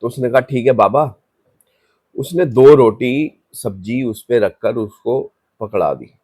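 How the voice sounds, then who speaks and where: A man's voice: mid-range voice, takes it slowly, warm tone, breathy edge, no room sound, studio quality. A man telling a horror story in a loose, conversational way, with restarts, and acting out the story's voices in passing. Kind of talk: casual spoken horror story.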